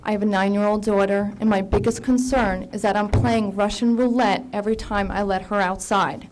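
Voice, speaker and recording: A woman's voice: mid-range voice, steady tone, normal speed, noisy background. A woman speaking at a town council meeting as a resident, earnest and emotional. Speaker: resident speaking at public comment. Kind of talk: public meeting comment.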